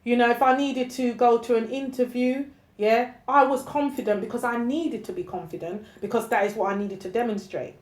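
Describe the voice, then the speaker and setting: Her voice sits on the high side, steady and a little mellow, running a little fast with few pauses. She's a poet speaking candidly and emphatically about her work in a reflective, conversational way, peppering it with "you know" and check-ins, recorded in an echoey room.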